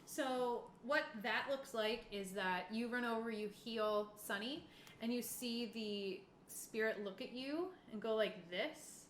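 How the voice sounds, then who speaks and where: Acting as game master for a tabletop game, a woman casually explains rules and narrates informally. Her voice is a little high and slow, heard in an echoey room with faint background noise.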